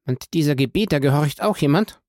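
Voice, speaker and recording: A man's voice: on the high side, animated, brisk, a little mellow, no room sound, pitched above the performer's own voice, natural voice. A panicked, greedy banker pleads and haggles for his life in an audiobook, as a male reader puts him on. The voice sits well above the reader's own, dry and close. It turns frantic and defiant by turns. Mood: questioning. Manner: pleading, bargaining, rising to frantic outbursts. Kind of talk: audiobook reading.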